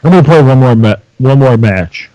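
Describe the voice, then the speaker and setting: A man's voice: medium pitch, lively intonation, brisk, dark tone, no room sound, muffled recording. A man co-hosting a podcast, chatting casually and self-deprecatingly while playing a video game, swearing now and then. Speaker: podcast co-host.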